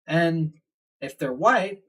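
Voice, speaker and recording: A young Southern US man with a slightly high, husky voice hosts a reaction video at a slow pace. His tone is sharp and expressive as he rants in a blunt, rambling, profane way, casual commentary throughout.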